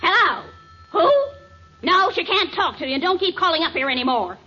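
A woman's voice: very high voice, animated, moderate pace. A woman playing a cruel, bossy wicked stepmother who scolds and snaps in an old radio comedy. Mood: scolding, snappish. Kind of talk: 1930s radio comedy acting. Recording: muffled old radio recording, audience noise.

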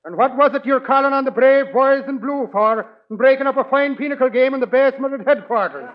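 A man's voice: extremely high pitch, a little fast. An actor playing a blustering, pompous, thick-headed Irish policeman with a dopey cartoon bellow in an old radio comedy. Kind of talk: 1940s radio comedy acting. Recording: muffled old radio recording, faint noise.

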